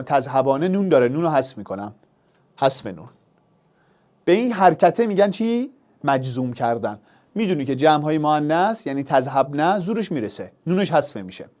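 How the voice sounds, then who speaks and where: A young man with a higher voice runs an exam review lesson, speaking with animation and addressing the student directly through rhetorical questions.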